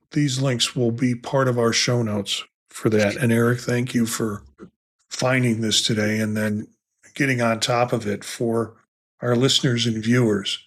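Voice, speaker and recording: Here a man co-hosts a casual tech podcast at a mid-range pitch, talking into a podcast mic. He rambles, restarts his sentences and drifts into asides as he goes. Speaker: podcast co-host.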